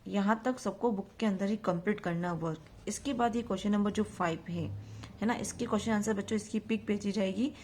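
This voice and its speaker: A woman's voice: medium pitch, fairly quick, a little mellow, a little hiss or hum. A woman school teacher, giving a recorded grammar lesson to young children. She talks patiently and repeats herself, asks questions and answers them herself, and mixes English words into her speech.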